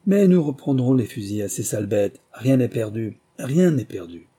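A man's voice: mid-range voice, expressive, moderate pace, mellow, husky. A man voicing a commanding, pompous plantation manager, as in an audiobook.

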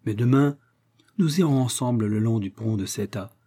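A man's voice: medium pitch, moderate pace, warm tone, natural voice. A man voicing a dignified shark-man sea creature. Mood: wistful. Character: grieving male shark-man sea creature, loyal and grateful. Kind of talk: storybook reading.

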